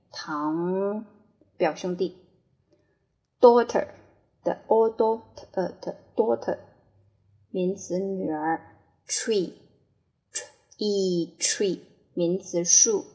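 A woman's voice: mid-range voice, darkish tone. A woman teaching English vocabulary. She spells each word letter by letter, repeats it, then gives its meaning. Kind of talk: vocabulary spelling and dictation drill.

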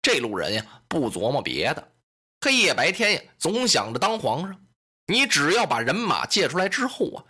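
Guy telling a historical tale, super animated, bright punchy voice. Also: medium pitch, slightly rough. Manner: animated, colloquial narration with vivid asides. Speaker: storyteller. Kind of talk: traditional storytelling performance.

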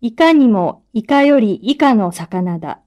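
A woman's voice: fairly high pitch, animated, measured pace, dark tone. A woman reads pronunciation-drill material as a model speaker, dictating each item carefully on its own. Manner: dictating isolated syllables, words and sentences carefully. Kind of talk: scripted pronunciation-drill reading.

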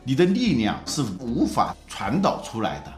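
A man hosting a talk, telling stories in a relaxed conversational way. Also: medium pitch, soft background music. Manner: lively storyteller, slows to recite classical lines. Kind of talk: conversational storytelling.

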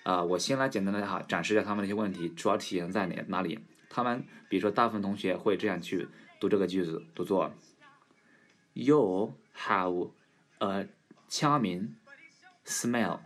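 Male pronunciation teacher, relaxed lesson, slow drawn-out example words, low voice. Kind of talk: casual English pronunciation lesson.

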